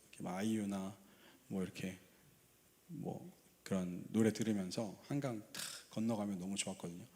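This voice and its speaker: A man's voice: fairly low pitch, a little mellow. A man preaching a sermon in a church sanctuary, in a conversational way, often asking the congregation questions and laughing over light personal stories. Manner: laughs easily and tells light personal anecdotes. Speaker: pastor. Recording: long hall reverb.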